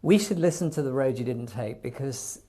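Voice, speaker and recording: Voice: medium pitch, expressive, normal speed, dark tone. An interview host talking eagerly about a musical, with frequent ums. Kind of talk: casual interview chat.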